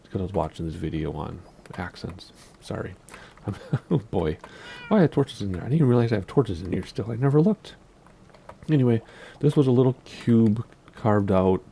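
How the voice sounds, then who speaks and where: A deep-voiced man with a Minnesota accent chats through casual gameplay commentary, wandering from thought to thought and asking himself questions out loud. His tone is gravelly and mellow. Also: animated, normal speed, a little hiss or hum. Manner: rambling, asks himself questions aloud. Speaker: Minecraft YouTuber giving a base tour.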